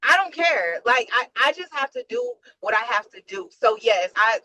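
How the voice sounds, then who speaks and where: A woman on a video call sounds worn out as she speaks frankly and with emphasis. Her voice is bright and sits a little high. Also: expressive, moderate pace, slight background noise, rough recording. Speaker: nurse and webinar attendee. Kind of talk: casual venting on a video call.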